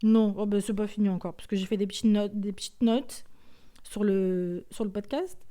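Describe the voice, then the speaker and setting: A woman's voice: medium pitch, fairly even intonation, normal speed, dark tone. A woman with a Marseille accent hosting a personal podcast monologue, outspoken and hesitant, full of fillers and restarts. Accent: Marseille French. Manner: outspoken and indignant. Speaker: podcast host.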